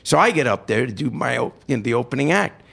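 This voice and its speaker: A man's voice: medium pitch, fast talker, gravelly, husky. An older man from New York, hosting and telling a long personal story with quoted voices. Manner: animated anecdote with quoted voices. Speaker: host.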